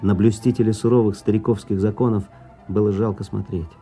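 Male narrator, acted: low, reflective soldier telling his story over music. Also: flat delivery, fairly quick, lightly acted. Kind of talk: scripted first-person narration.

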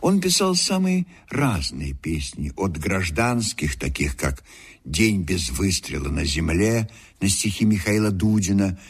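A man reads documentary narration in a husky, slightly low voice. His pitch moves freely as he shapes each sentence, measured and expressive like a seasoned storyteller.

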